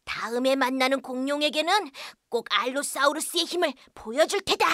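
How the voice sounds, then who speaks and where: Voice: sits high, moderate pace, bright, forceful tone, no room sound, clean studio sound. An actor voicing a cocky young allosaurus, boastful but easily scared, in an exaggerated children's cartoon style. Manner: exaggerated, theatrical. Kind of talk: children's animated story acting.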